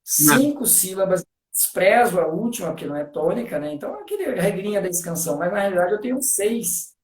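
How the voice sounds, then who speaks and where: A man's voice: high-pitched, sing-song, fairly quick, echoey room. A man, a guest on a live stream, explains things eagerly in casual talk. He fills his speech with "né" and counts out rhythms aloud. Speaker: guest discussing literature.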